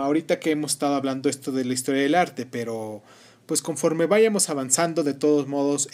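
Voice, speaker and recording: A man's voice: a little high, darkish tone. A man hosting a history podcast, moving between read narration and casual asides in Spanish. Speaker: podcast host.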